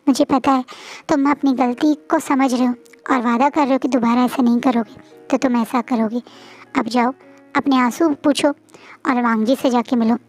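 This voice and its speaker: A woman voicing a gentle, loving mother who consoles her son in a storybook reading. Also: high voice, natural voice.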